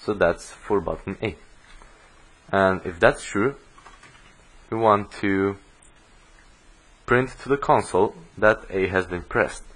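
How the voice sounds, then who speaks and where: A man teaching a programming course, explaining code step by step as he types in a screen recording, on low-quality audio. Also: a bit bright. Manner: slow, step-by-step explaining while typing code. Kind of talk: screen-recorded coding tutorial.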